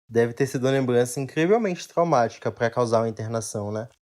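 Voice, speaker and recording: A man's voice: mid-range voice, quick pace, darkish tone, close to an everyday voice. A man playing a probing podcast host. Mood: curious. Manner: probing, curious questioning. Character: male podcast host interviewing a star. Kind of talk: animated-film interview acting.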